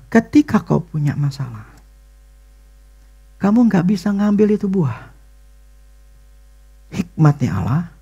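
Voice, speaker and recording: A male pastor, preaching a sermon and telling a personal story in animated, excited bursts. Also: high-pitched, creaky, husky, highs cut off.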